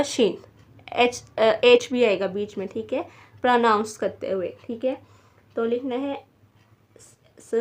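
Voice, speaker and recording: A woman teaching a beginner language lesson, patiently repeating each word several times and checking in with her students. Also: a little high.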